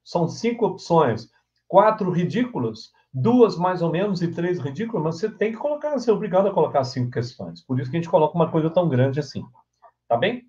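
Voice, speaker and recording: A man's voice: a little high, lively intonation, a little fast, mellow, lo-fi sound. A man teaching an exam-prep English grammar lesson. He explains step by step, asks himself questions and answers them, and often checks in with his students.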